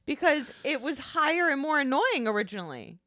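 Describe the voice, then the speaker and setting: A woman co-hosts a podcast in a loose, chatty way, full of "like" and quick reactions. Her voice moves a lot in pitch and sounds animated, and the recording is dry and close to the mic. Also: no room sound. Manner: chatty, lots of "like" fillers, lively reactions. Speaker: podcast co-host. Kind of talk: casual chat.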